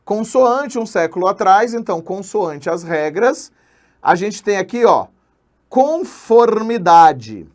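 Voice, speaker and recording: A man with a Brazilian accent teaching an online exam-prep lesson, energetic and slangy, counting syllables aloud. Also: sits high, unhurried. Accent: Brazilian Portuguese.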